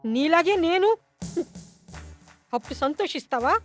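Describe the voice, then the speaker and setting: An actress playing a wronged, defiant wife in an old-time radio drama, speaking bitterly and cuttingly. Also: female voice, high voice, lively intonation, measured pace, soft background music.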